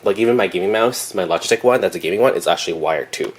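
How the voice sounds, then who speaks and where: A man's voice: low voice, expressive, very fast. A young man chatting casually in a rambling vlog, laughing often and correcting himself, sounding congested from allergies. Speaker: vlogger.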